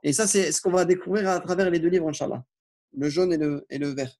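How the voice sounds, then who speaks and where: A man giving an online Arabic lesson in French, reading phrases aloud slowly and then explaining them informally. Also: on the high side, a little mellow. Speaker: Arabic teacher.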